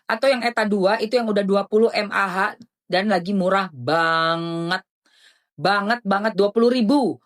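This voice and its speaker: A woman's voice: mid-range voice, moderate pace. A woman, chatting casually and indignantly while selling on a live stream.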